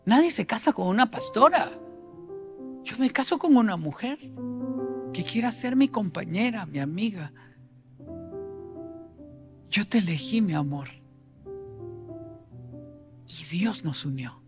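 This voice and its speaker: A man in his sixties preaching a sermon with passion, swinging between loud emphasis and near-whispered lines. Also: high-pitched, lively intonation, unhurried, pauses often, music in the background. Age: 60s.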